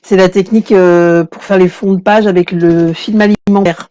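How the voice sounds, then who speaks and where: A woman's voice: lowish voice, fairly even intonation, moderate pace, mellow, highs cut off. A woman hosting a live craft tutorial stream, chatting casually with many fillers and greeting viewers as their comments come in. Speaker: craft workshop host.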